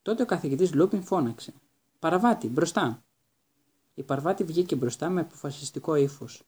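Husky-voiced man reading a storybook. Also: a little high. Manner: steady, even storytelling read. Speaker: narrator. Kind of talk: audiobook narration.

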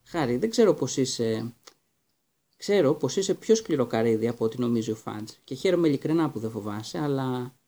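A worried middle-aged wizard father from a storybook, speaking low, hushed and urgent, as a man reads him. The voice is dark and mellow, and sits close to the reader's own. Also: animated, lightly acted. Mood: earnest.

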